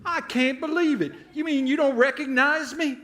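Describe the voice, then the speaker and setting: A man's voice: extremely high pitch, moderate pace, fairly bright tone. A man playing Daryl, a folksy, suspicious treasure hunter in a children's skit, talking in exclamatory country slang. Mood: suspicious, boastful.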